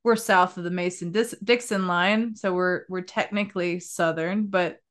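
A woman from Maryland hosting a podcast, chatting casually and warmly over a video call, often restarting her sentences. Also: fairly low pitch, steady tone. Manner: chatty, friendly, with halting restarts. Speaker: podcast host. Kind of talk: casual chat.

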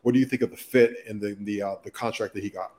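A man filling in as co-host on a football talk show, setting up questions and giving measured opinions in casual talk. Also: on the low side, fairly even intonation, a little mellow. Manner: asks questions, then gives measured opinions. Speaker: substitute co-host.

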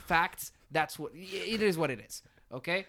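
A man's voice: a little high, expressive, normal speed, sharp tone. A young man co-hosting a podcast in casual, slangy, jokey banter. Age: young adult. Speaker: podcast co-host.

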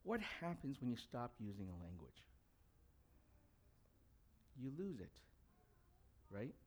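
This young adult pastor takes it slowly, his mid-range voice sing-song as he delivers a conversational sermon and questions the congregation. Cantonese was his first language, though he grew up in an English-speaking country.

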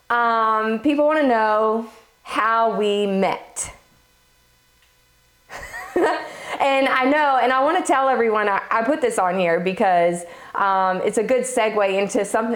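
A woman hosting a casual podcast, her voice a little hoarse from a cold, chatty and quick to laugh. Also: on the high side. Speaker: podcast host. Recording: roomy echo.

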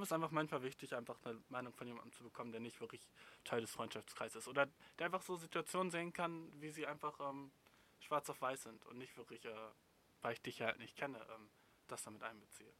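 Ein junger Mann mit deutschem Akzent, der locker und in Jugendslang Zuschauerfragen beantwortet, direkt und spöttisch. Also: male voice, medium pitch, fast talker, pushed and bright, a little hiss or hum. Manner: blunt, slangy, mocking. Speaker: advice streamer reading viewer messages. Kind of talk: casual slangy chat.

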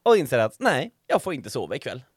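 A man telling an animated comic story as a podcast co-host, swearing a lot and mixing in English phrases. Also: mid-range voice, husky, no room sound, clean studio sound.

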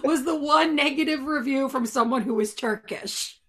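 A woman guest on a podcast, chatting playfully with drawn-out asides. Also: high-pitched, a bit bright. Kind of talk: casual chat.

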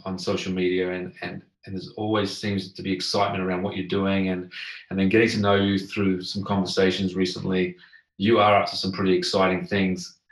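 A man hosting a conversational podcast interview in an earnest, halting manner. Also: deep voice. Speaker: podcast host. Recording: roomy echo.

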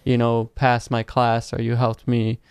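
A man hosting an interview, speaking in a relaxed, thoughtful way with frequent fillers. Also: mid-range voice, a little slow, clear, resonant tone, dry recording. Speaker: interview host. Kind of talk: casual interview chat.

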